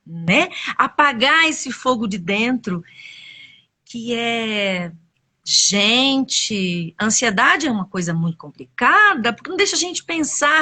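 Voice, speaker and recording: A woman's voice: a little high, sharp tone. A woman, a storyteller and psychologist, narrating expressively over a video call webcam.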